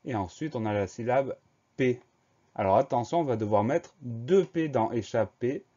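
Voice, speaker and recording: A man teaching a spelling lesson, slowly and deliberately spelling words letter by letter for dictation. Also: medium pitch, expressive, warm tone. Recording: dull lo-fi recording.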